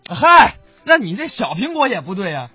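A male radio host chats casually with his co-host in a husky, fairly high voice that moves a lot in pitch. He jokes and laughs along. The sound is a little dull, with faint music underneath. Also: big pitch swings, normal speed, bright, forceful tone, no echo. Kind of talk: casual studio banter.

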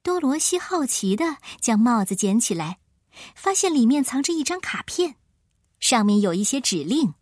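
Animated woman telling a children's story. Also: on the high side, moderate pace, dry recording, studio quality. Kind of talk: expressive scripted children's story narration.

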